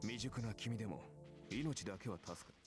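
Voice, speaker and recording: An actor playing a proud, condescending warrior servant in an anime-style game, speaking in a cool, lecturing way. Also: male voice, fairly low pitch, fast, faint music behind, natural voice.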